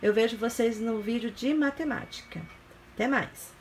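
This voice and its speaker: Patient woman teacher, slightly high voice. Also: normal speed, a little mellow. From Brazil. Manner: patient, explaining step by step with frequent "né?" and "tá bom?". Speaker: primary school teacher. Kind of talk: recorded review lesson for young children.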